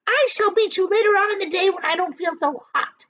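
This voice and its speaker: A woman voicing a skinny, vain, spiteful aunt from a storybook, with a shrill, snapping delivery. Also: a little fast, a bit bright, highs cut off.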